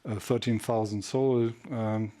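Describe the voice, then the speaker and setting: Low-pitched, hesitant German-accented man. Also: fairly even intonation, dark tone. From northwest Germany. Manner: hesitant, many filled pauses. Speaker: government state secretary. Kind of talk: panel introduction.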